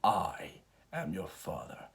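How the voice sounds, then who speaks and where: A man voicing a menacing armored dark lord, speaking low, slow and scornful. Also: sing-song, heavily acted.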